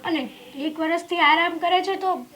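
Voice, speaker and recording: A woman's voice: extremely high pitch, normal speed, fairly bright tone. A young woman playing a hardworking daughter who reassures her mother in a short film drama. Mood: reassuring. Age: young adult.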